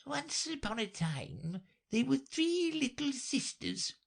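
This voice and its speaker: Reader putting on a dormouse, tiny and sleepy, very high, hoarse, feeble, slow and dozy. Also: huge pitch swings, exaggerated voice. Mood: drowsy. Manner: soft, drawn-out, dozy delivery.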